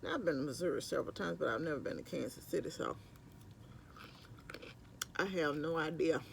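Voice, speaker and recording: Brief: high-pitched, gravelly man, middle-aged, casual eating-show chat with food in his mouth, some background noise. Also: a little fast. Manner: chatting while eating, sometimes with mouth full; rambling, conversational. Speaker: mukbang vlogger. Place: at work on lunch break.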